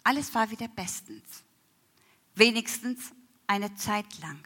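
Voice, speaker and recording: A woman giving a personal faith testimony, emotional, often slowing down and dropping to near whispers. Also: medium pitch, sharp tone, husky. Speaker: church member giving testimony. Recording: long hall reverb.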